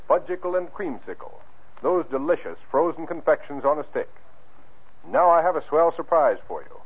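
A man speaking as an old-time radio announcer, reading scripted sponsor copy and narration straight to the listeners in a showy way. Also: fairly high pitch. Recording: tinny, band-limited vintage radio recording.

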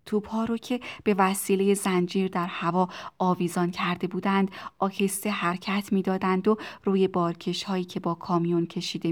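A woman narrating a children's book in a calm and steady way. She reads at an even pace with a medium-pitched voice, telling the story plainly. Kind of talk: audiobook narration.

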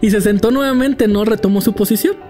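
A man with a Mexican accent, tired after a long day, tells a business story in a casual, animated, profane way. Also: high-pitched, brisk, faint music behind. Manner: animated, profane, dramatic retelling. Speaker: podcast host telling a business story.

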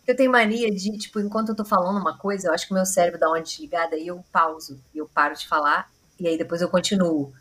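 A woman's voice: lowish voice, fairly even intonation, fast talker, few pauses, a bit bright, breathy edge. A woman with a Brazilian Portuguese accent hosting a podcast, chatty and rambling in casual conversation. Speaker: podcast host.

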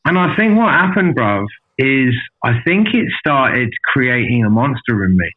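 Over narrow, tinny audio, a medium-pitched man with big swings in pitch takes his time recounting his story on a podcast. He's from an island outside Australia and comes across candid, casual and blunt, swearing plenty and addressing people as "mate."

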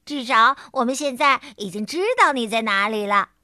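A woman's voice: a little high, animated, moderate pace, no room sound, studio quality. A woman voicing a sensible, teasing elephant who leads the others in a storybook reading. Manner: bright, scolding and teasing.

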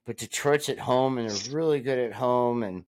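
A man's voice: medium pitch, normal speed, darkish tone, no room sound. A man co-hosting a sports podcast, chatting casually and joking with friends, laughing often. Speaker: podcast co-host.

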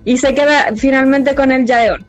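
High-voiced Chilean woman, hesitant explaining. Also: fairly even intonation, normal speed, dry recording. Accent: Chilean Spanish. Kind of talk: casual chat recapping a story. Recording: faint music behind.

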